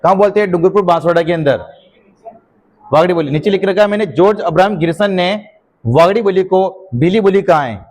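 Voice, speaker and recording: A man teaching a class and dictating notes for his students to write down. His voice sits a little high, and he keeps quizzing the class with a question before answering it himself. He repeats the same answers several times over. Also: brisk, darkish tone.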